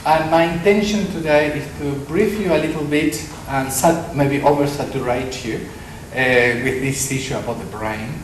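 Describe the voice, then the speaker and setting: A man's voice: fairly high pitch, moderate pace. A middle-aged man from Argentina, giving a conference talk full of anecdotes and self-deprecating humor. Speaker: conference speaker. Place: conference hall. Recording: echoey hall with background noise.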